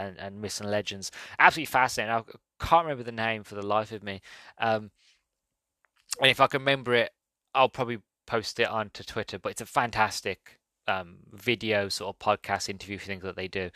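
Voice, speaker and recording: Brief: male podcast host, lowish voice with a bright, pushing edge, rambling and chatty. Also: dry recording. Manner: rambling and upbeat, many ums and restarts. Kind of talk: solo podcast chat.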